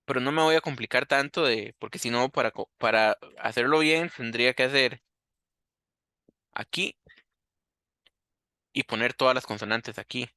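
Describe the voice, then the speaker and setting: In a screen-recorded coding lesson, a male programming teacher thinks aloud and asks himself questions as he works. His mid-range voice is pushed and bright, at normal speed with long pauses. The recording is dry and clean, studio quality.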